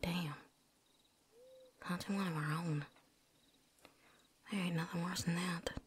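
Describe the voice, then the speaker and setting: A woman's voice: lowish voice, fairly even intonation, takes it slowly, slight background noise. A woman voicing a chatty, folksy veteran vampire hunter with a put-on drawl and casual slang, talking around something in her mouth, in a whispered role-play. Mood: chatty, wry.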